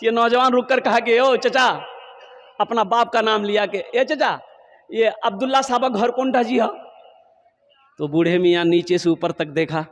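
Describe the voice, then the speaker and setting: A man's voice: sits high, normal speed, fairly bright tone, long reverb tail. A man preaching a sermon, telling an emotional story and calling on the crowd to answer his questions. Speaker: Islamic preacher.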